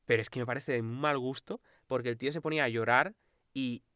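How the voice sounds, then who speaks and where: Bright-voiced young Spanish man chatting. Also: medium pitch, quick pace, dry recording, clean studio sound. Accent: Spain Spanish. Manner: animated storytelling, acting out quotes, frequent laughter. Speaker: podcast co-host. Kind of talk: casual chat.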